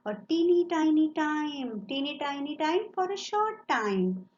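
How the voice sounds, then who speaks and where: Woman teacher, high-set voice, slow story explainer, echoey room. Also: big pitch swings. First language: Marathi. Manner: repeats phrases and explains them. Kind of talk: reading and explaining a story lesson. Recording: echoey room, dull lo-fi sound.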